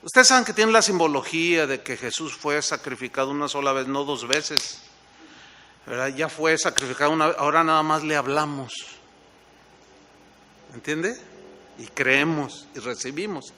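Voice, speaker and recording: A male pastor preaching in a lively, chatty way, his voice sitting high for a man and sounding strikingly bright and forceful. He keeps turning to his listeners with quick questions. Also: a little hiss or hum. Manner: conversational, asks the congregation rhetorical questions. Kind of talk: sermon.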